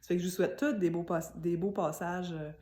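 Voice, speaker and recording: A woman's voice: on the low side, fairly even intonation, fairly quick, mellow. A woman with a Québécois French accent giving an informal spiritual talk, chatty and earnest, speaking straight to her viewers. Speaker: spiritual teacher. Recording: roomy echo.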